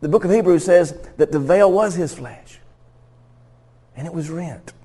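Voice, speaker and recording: A man's voice: on the high side, unhurried, warm tone. Conversational male pastor teaching. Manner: conversational, laughs often, restarts and stumbles. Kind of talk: sermon teaching.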